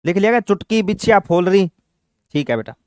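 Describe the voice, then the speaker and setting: Guy teaching exam prep, kinda high voice, dry close sound, keeps repeating words for you to learn. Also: lively intonation, a little fast, a little mellow, dry recording. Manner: chatty, affectionate, drills terms by repetition. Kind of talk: online exam-prep lecture.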